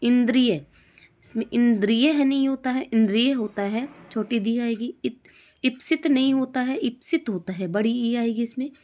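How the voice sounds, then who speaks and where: A woman teaching Hindi spelling for an exam, slowly drilling each word as wrong or correct, over and over. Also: a little high, dark tone. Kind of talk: exam-prep spelling lesson.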